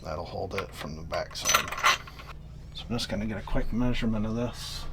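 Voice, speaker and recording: A man with a lowish voice narrates hands-on work in an offhand, think-aloud way. He is inside a small trailer, and a noticeable mechanical hum sits behind his words. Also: normal speed. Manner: informal, thinking aloud while working. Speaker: DIY vlogger. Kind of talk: casual hands-on DIY narration. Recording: noisy, vehicle-like hum behind voice.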